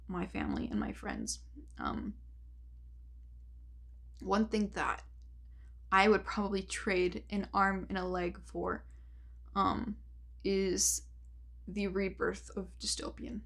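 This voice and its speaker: A woman's voice: medium pitch, vocal fry, fairly bright tone. A young woman author talking earnestly in a casual vlog, rambling with many fillers and losing her voice. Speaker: author and vlogger.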